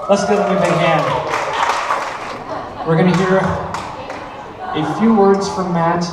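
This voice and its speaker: A man's voice: high voice, steady tone, slow, crowd noise, background noise. A man serving as the wedding DJ and master of ceremonies, speaking in a playful, upbeat announcer manner with a Minnesotan accent. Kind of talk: lively emcee patter at a wedding reception. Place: large wooden barn event hall, indoors. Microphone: handheld microphone through the PA, picked up from afar. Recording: echoey hall from far off.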